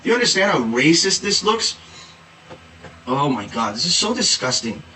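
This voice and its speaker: A man's voice: on the high side, very animated, normal speed, bright, forceful tone, reverberant, recorded from a distance, slight background noise, low-quality recording. A man playing a preachy, exasperated activist who says "like" and "duh" all the time, in a sarcastic comedy monologue. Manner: valley-speak with constant "like" and "duh", sarcastic. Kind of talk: satirical character monologue.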